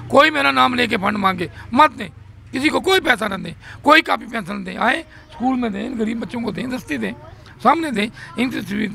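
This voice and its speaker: A man's voice: high-pitched, gravelly, fairly bright tone, a little hiss or hum. An older man from Pakistan with an Urdu accent, a volunteer teacher speaking in an earnest, impassioned interview, repeating his appeals. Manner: impassioned, pleading, repetitive appeals. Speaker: volunteer teacher of slum children. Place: outdoors at an open-air school.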